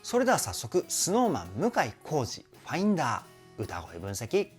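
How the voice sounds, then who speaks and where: Lively, animated male vocal coach. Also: on the high side, normal speed, soft background music. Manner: enthusiastic, admiring, explains technique step by step. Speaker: vocal coach and YouTube host. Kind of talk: voice analysis reaction commentary.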